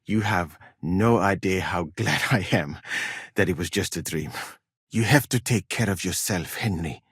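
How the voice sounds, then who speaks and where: A courteous Malian scholar for a video game. His voice is slightly low and husky, recorded very dry. He speaks in formal, theatrical phrases with wry politeness. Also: unhurried, a bit bright, no echo, exaggerated voice. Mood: warm, wry. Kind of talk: game voice lines, expressive acting.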